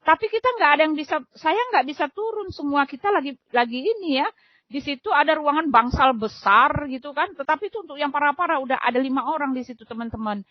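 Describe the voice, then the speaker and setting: High-voiced woman giving an earnest testimony. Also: expressive, fast, dry recording. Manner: earnest and emotional, addressing friends with frequent fillers. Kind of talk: personal faith testimony. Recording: dull, dry lo-fi audio.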